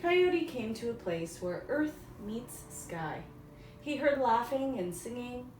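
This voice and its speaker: A woman teacher reading a storybook aloud for young children, in simple, deliberate phrases. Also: on the high side, big pitch swings. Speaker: elementary school teacher. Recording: echoey room, distant mic, faint noise.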